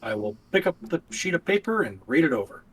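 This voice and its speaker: A man's voice: on the high side, big pitch swings, fast talker, a little hiss or hum, low-quality recording. A man playing a character in a tabletop role-playing game, speaking hesitantly with stammering restarts. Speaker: player.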